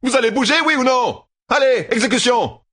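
A man's voice: fairly high pitch, very animated, brisk, breathy edge, dry recording, clean studio sound, pitched above the performer's own voice. A man voicing a brash young gambler turned general who commands with urgency, in an audiobook. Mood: shouting orders. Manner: urgent, commanding, shouts orders.

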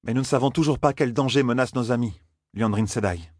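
Brief: curt, proud young woman, voiced by a man, lightly raised pitch, husky storybook narration. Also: brisk, a little mellow, dry recording, studio quality, close to an everyday voice. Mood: blunt. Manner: blunt, curt. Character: blunt proud young woman, former village healer.

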